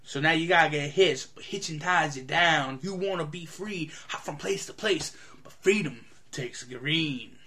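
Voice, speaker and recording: Sly male voodoo con man villain, as a man croons him, drawling and half singing in a raised, bright voice. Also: on the high side, fairly even intonation, brisk, few pauses, lightly acted.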